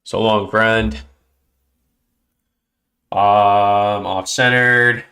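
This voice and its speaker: A man's voice: on the low side, steady tone, extremely slow, sharp tone. A man hosting a casual livestream, chatting and muttering to himself with little exclamations as he sorts through items. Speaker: host. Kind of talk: casual livestream chat while sorting cards.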